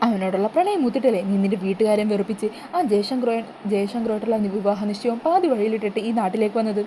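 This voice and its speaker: A woman's voice: mid-range voice, fast talker, mellow, slight background noise, lightly acted, low-quality recording. A woman voicing a scheming, blunt female friend who lectures and pushes. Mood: lecturing.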